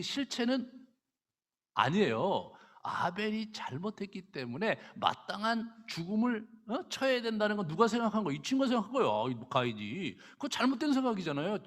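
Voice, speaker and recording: A man's voice: high-pitched, big pitch swings, moderate pace. A man pastor preaching at an evening prayer meeting, emphatic and full of rhetorical questions, in a church hall with a long reverb. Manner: emphatic, rhetorical questions, swings between loud and hushed.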